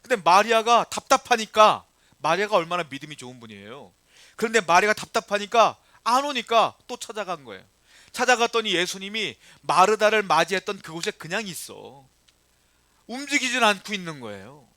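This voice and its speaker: Male pastor, sermon delivery; bright, forceful tone; rhetorical questions, dynamic swings between soft and loud. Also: sits high, sing-song, fairly quick, dry recording.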